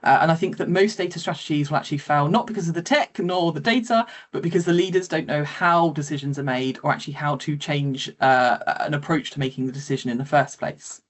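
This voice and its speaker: A woman's voice: sits low, a little fast, hardly any pauses. A woman co-presenting a webinar, speaking with many hesitations and fillers. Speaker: webinar co-presenter, council data lead.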